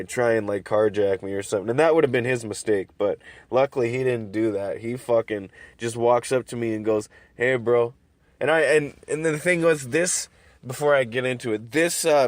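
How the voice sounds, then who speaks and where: A man's voice: medium pitch, no echo. Man, podcast host, rambling profane storytelling, many restarts, dry close sound. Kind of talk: casual storytelling monologue. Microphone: sitting in his car.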